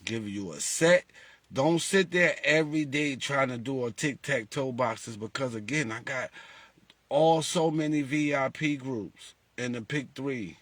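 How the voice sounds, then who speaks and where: In an unhurried mid-range voice with no echo, a man who leads a lottery group chats casually with his followers. He animatedly acts out callers and asks rhetorical questions.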